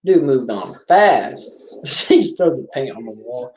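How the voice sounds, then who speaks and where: A man's voice: fairly high pitch, sing-song, unhurried, creaky, a little mellow. A man hosting a casual live-stream movie commentary, chatty and rambling, often correcting himself as he talks. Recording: roomy echo.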